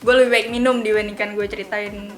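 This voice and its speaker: Bright-voiced young woman, casual chat. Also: medium pitch, level tone, quick pace, faint music behind. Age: 20s. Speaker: guest.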